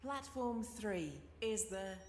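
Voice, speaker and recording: A woman's recorded voice as an automated train station announcer, with words spliced together into clipped, flat announcement phrases. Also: mid-range voice, slow pace. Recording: echoey station hall, faint noise.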